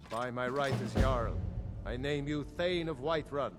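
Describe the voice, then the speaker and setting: An actor playing a proud middle-aged male jarl in a video game, speaking in a measured, formal way. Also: medium pitch, loud music behind the voice, lightly acted.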